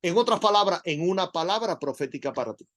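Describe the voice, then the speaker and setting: Man, middle-aged, sermon, conversational, high-pitched. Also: fast talker. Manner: animated, conversational preaching with rhetorical questions. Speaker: preacher.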